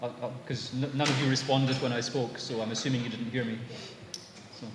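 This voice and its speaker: A man's voice: medium pitch, steady tone, brisk, noisy background. A man moderating a convention panel, polite and hesitant, with many fillers. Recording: echoey reverberant hall.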